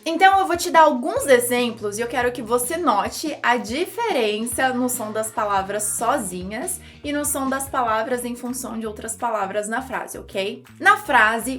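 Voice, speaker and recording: Upbeat high-voiced woman teaching English. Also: fairly bright tone. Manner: upbeat, chatty, acts out examples in funny voices. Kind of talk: YouTube English lesson.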